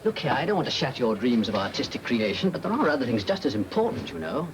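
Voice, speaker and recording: A man's voice: mid-range voice, very animated, fast talker. An actor playing a cynical man in the dress trade in a 1950s film, dry and lecturing. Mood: dry, teasing. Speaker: fashion business man. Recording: old film soundtrack with background noise.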